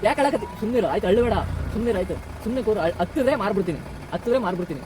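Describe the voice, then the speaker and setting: A man acting a bumbling, greedy yet soft-hearted kidnapper in a comic skit, talking in a rambling, rustic way outdoors. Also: sits high, lively intonation, very fast. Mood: coaxing. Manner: rambling, chatty, rustic talk. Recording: street noise with idling engine.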